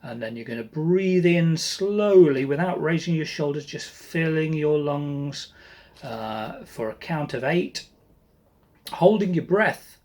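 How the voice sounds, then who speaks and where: A man leading a choir breathing warm-up, counting slowly and calmly with friendly asides to his singers. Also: a little high. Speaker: choir leader. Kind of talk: breathing exercise lesson.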